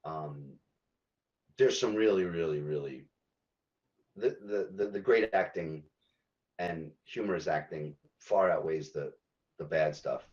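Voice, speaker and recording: Deep-voiced man answering haltingly. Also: darkish tone, muffled recording. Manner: halting, many ums and restarts. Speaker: game localization director. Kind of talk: podcast interview answers.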